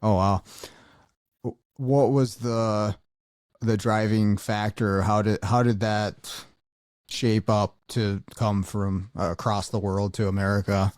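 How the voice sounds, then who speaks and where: A man hosting a podcast, reading sponsor spots and chatting with a guest in a relaxed, conversational way. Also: on the low side, slow pace, no room sound, studio quality. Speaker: podcast host. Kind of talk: casual podcast interview.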